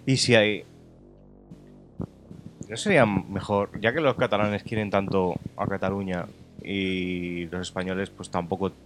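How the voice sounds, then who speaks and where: Low-voiced man, measured podcast talk. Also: steady tone, soft background music. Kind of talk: casual podcast chat.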